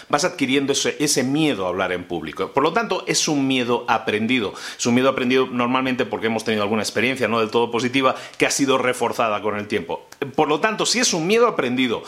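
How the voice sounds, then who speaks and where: A man's voice: mid-range voice, a bit bright. A man acting as a mentor, giving a casual instructional talk that repeats key phrases for emphasis and hesitates often with "eh". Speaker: mentor giving speaking advice.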